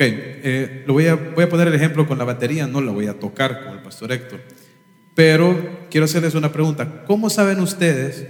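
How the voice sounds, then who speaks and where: A man preaching a sermon from the pulpit, emphatic and full of rhetorical questions. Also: a little high. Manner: emphatic, rhetorical questions, imitates instrument sounds. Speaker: pastor. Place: church sanctuary. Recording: echoey hall, reverb.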